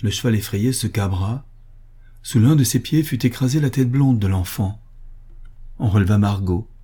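A man reading a story aloud as an audiobook, grave and measured. His voice is low and dark, with a husky, breathy grain. He keeps an even, serious delivery. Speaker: narrator. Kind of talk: audiobook narration.

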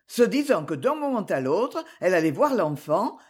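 A woman narrating a novel chapter as an audiobook reader, with measured, expressive storytelling. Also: mid-range voice, breathy edge. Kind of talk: scripted narration.

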